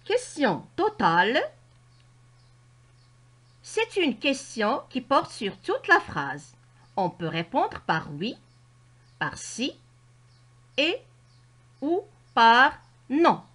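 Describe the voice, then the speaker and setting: Slow, lively high-voiced woman teacher. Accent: Moroccan French. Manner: slow, carefully articulated explanations. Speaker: primary school teacher. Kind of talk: grammar lesson narration.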